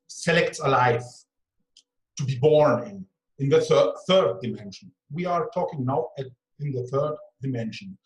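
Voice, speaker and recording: A man in his forties speaks as an interview guest, unhurried and a little high for a man. He hunts for words and corrects himself as he goes. His voice comes through an echoey room. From Germany. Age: 40s. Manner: searching for words, self-correcting. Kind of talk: slow, halting conversation.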